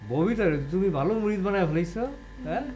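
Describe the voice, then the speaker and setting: An actor playing a boastful, lecturing suitor in a comedy TV drama. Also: male voice, sits high, fast talker, darkish tone, soft background music, lightly acted. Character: boastful suitor, self-important and smooth.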